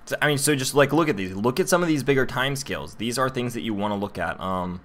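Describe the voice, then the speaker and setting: A man's voice: medium pitch, lively intonation, quick pace, fairly bright tone. A young man hosting a casual livestream of chart analysis, chatty with many fillers, talking to his viewers in chat. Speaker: crypto livestream host.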